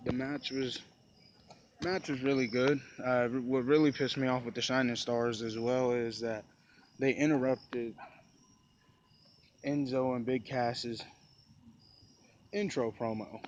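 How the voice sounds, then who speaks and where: A man's voice: medium pitch, fairly even intonation, slow, pauses often, lo-fi sound, slight background noise. A man talking casually and at length to camera, loose and rambling with many fillers. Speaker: vlogger. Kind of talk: casual recap talk.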